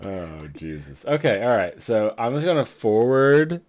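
A man's voice: mid-range voice, sing-song, measured pace, darkish tone. A man co-hosting a podcast, chatting casually and teasing dryly during a fantasy draft. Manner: dry, teasing. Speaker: podcast co-host.

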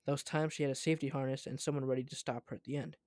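A man's voice: medium pitch, steady tone, very fast, a little mellow, no echo. A man reading a story aloud, often stumbling and correcting himself as he goes.

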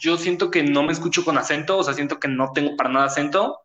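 A man's voice: a little high, quick pace, a bit bright, lo-fi sound. A young man with a Mexico City accent hosting a casual podcast, slangy and laughing often. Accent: Mexico City Spanish. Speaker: podcast host.

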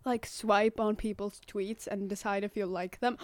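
A woman's voice: medium pitch, fairly even intonation, measured pace. A woman from Finland chatting casually as a podcast co-host, swearing often and breaking into giggles. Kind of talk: casual chat.

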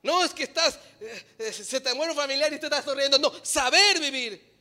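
A man preaching a sermon, swinging from soft, low musing to loud shouting and slipping in short English phrases. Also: a little fast.

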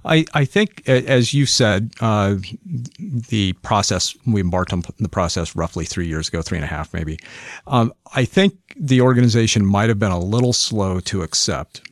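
A man talking as a podcast guest, measured and thoughtful, often repeating words as he works out a point. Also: lowish voice, lively intonation, dry recording, studio quality. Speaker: podcast guest, sales executive. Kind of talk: podcast interview.

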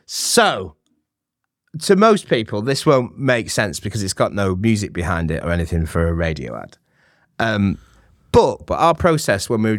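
A man's voice: lowish voice, no echo, studio quality. A man with a Manchester accent co-hosting a podcast, explaining things in a chatty, self-deprecating way. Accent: Mancunian. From England. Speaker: podcast co-host. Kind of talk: casual chat.

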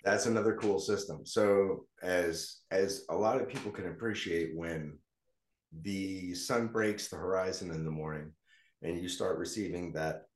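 A podcast host with a deep voice, fairly even intonation, and measured pace conducts a casual interview, often checking in with "right?" and "correct?". He's in a new, echoey location, so his voice rings with a heavy, canyon-like echo.

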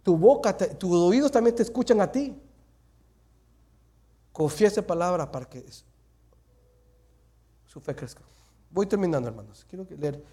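A man preaching as pastor, swinging from loud exhortation to hushed, near-whispered asides and slipping English phrases into his talk. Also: high-pitched, lively intonation, measured pace, pauses often, breathy edge. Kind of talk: sermon.

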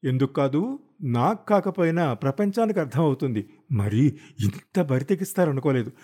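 A man voicing an angry, jealous young wife who wails and hurls shrill accusations in an audiobook. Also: animated, normal speed, warm tone, natural voice. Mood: accusing, wailing. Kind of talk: audiobook character voice.

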